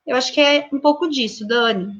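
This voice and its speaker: A woman educator speaking in an online panel, lively and acting out classroom talk. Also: sits high, brisk, dull audio. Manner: lively, acts out classroom dialogue. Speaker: guest speaker, early childhood educator.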